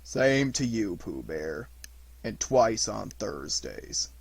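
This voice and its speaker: Man voicing a gloomy, slow, mournful old-storybook donkey. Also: medium pitch, sing-song, gravelly, breathy edge, no echo, full character voice. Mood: gloomy, resigned. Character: gloomy, melancholy, self-pitying male donkey, slow and resigned.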